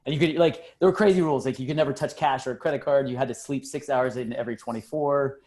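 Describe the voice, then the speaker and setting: A man joins a panel over a video call and talks in a casual, joking way. He tells his story with energy and pauses for laughs. His pitch sits in the middle. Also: fairly even intonation, darkish tone.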